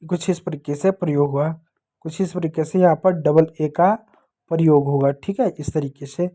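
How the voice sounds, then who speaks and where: A man teaching young children, explaining step by step in a slow, patient way and spelling out letters one by one. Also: a little high, fairly even intonation, warm tone. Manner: slow, patient, repeats points to young pupils. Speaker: English teacher.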